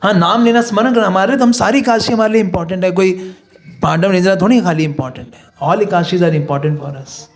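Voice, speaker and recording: A man's voice: high voice, a little fast. A man teaching a devotional course, explaining in Hindi with English phrases and chanting prayers. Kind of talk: devotional class lecture.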